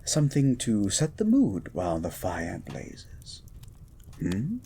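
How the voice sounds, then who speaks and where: A man playing a gentle, erudite beast of a scientist in a romantic audio roleplay, speaking in eloquent, formal, flirtatious phrases and lingering over his words. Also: lowish voice, huge pitch swings, takes it slowly, slightly rough, heavily acted.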